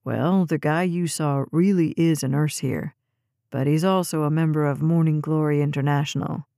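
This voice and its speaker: A woman reading the lines of a steady, caring male police officer, calm and measured. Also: sits low, gravelly, no echo, studio quality, voice pushed down. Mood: matter-of-fact.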